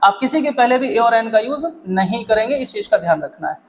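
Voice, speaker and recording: A man's voice: very high-pitched, animated, brisk, low-quality recording. A male teacher with a Hindi accent explains grammar step by step. He often asks questions and then answers them himself. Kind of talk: classroom grammar lesson.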